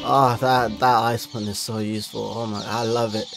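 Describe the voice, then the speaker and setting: A man's voice: on the low side, level tone, normal speed, vocal fry. A young man commenting casually as he plays a video game, exclaiming and reacting with slang. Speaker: gameplay streamer. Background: loud game music.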